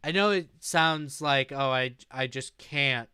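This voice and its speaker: A young man chatting casually on a live stream, reading out chat messages and answering them. He sounds sleep deprived and talks in a slow, drowsy way. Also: medium pitch, sharp tone, clear, resonant tone, no echo, clean studio sound.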